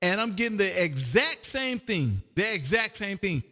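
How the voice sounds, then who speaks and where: A man with a high, very animated voice and a sharp tone hosts a casual ham radio chat at a moderate pace, sounding exuberant, folksy and chatty. He's an amateur radio operator livestreaming from the radio room in his home, and his voice carries a long hall reverb.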